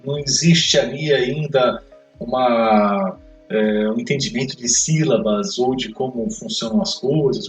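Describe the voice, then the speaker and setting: Teacher explaining step by step. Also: male voice, medium pitch. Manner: explains step by step, often checks with "né?" and "ok?". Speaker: English teacher. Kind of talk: grammar lesson explaining in Portuguese. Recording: echoey room, mic far off, faint music.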